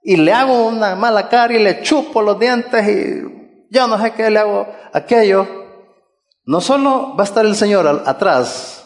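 A man preaching an earnest sermon, exhorting his listeners and circling back to the same key phrases. His voice is high for a man. It rings out with a long hall reverb. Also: measured pace.

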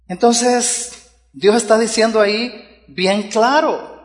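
A man's voice: sits high, slow, in a large hall. A man preaching a sermon as pastor, talking to the congregation in a conversational way and often tagging on "¿verdad?".

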